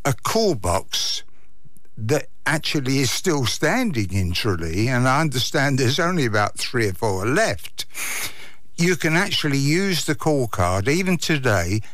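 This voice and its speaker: Slow-paced Englishman, dry close sound. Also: medium pitch, a bit bright, dry recording. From England. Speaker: interview guest, collector. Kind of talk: conversational storytelling and explaining.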